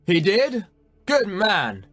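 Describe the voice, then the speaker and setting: A wry young English prince gives brisk orders from horseback, as a man reading the book puts him on. His lines come out lifted and a little loud. Quiet music sits beneath. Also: sits high, wildly swooping pitch, pitched above the performer's own voice, heavily acted. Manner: crisp, commanding.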